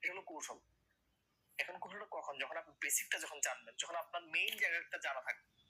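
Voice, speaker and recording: A man's voice: on the high side, fairly quick, pushed and bright, slight background noise, rough recording. A man teaching English grammar in a classroom lecture, repeating questions and key words to his students, with a Bangladeshi accent.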